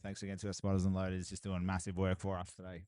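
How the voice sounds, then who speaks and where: A man doing live, excitable commentary on a strongman deadlift event, hyping lifts and chatting with viewers. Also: low voice, quick pace, no echo. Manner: excitable hype, repeated cheers and laughs. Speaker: livestream commentator.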